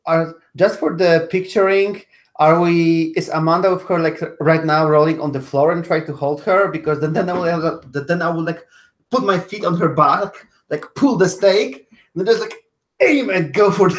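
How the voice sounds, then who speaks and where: A man's voice: on the high side, moderate pace. A man playing a tabletop game, thinking aloud through his character's attack. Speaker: player. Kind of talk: casual tabletop play.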